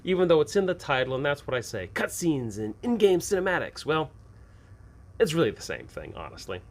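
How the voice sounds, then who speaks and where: Brisk and sing-song, with a slightly high voice, an American man hosting a game master show chats his way through unscripted advice. The recording carries clearly noisy ambient sound.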